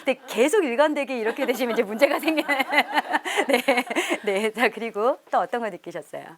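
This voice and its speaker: A middle-aged woman professor giving a lively parenting lecture to a live audience, often laughing and acting out parents' lines. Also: fairly high pitch, normal speed. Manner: animated, laughs often, acts out quoted parents. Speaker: professor leading a parenting seminar.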